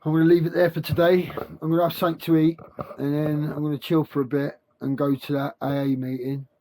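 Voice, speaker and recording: Male self-help vlogger, slightly high voice, toothless gummy articulation, halting and repetitive informal monologue. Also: level tone, dark tone, rough recording. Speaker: self-help video creator. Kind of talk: rambling spiritual monologue to camera.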